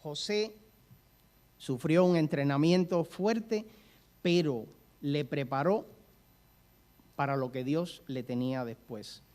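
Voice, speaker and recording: Guy preaching a sermon, tells stories, throws questions at the church, bit high-pitched. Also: slow, long pauses, a little mellow. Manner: storytelling, asks the congregation questions.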